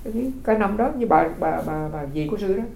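A man's voice: high-pitched, fast, creaky, darkish tone, reverberant, slight background noise, rough recording. A man who is a Buddhist monk from Vietnam, giving a dharma talk as folksy storytelling, often repeating his words.

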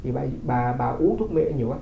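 Fast-talking monk. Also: male voice, mid-range voice, lively intonation, vocal fry, mellow. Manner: conversational storytelling with rhetorical questions. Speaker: Buddhist monk. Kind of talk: dharma talk. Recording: roomy, slightly dull recording.

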